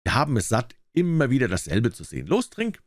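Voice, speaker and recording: A man's voice: mid-range voice, huge pitch swings, a little fast, dry recording, clean studio sound. A man voicing a cruel, boisterous tyrant king in an audiobook, bellowing and mocking. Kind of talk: audiobook character voice.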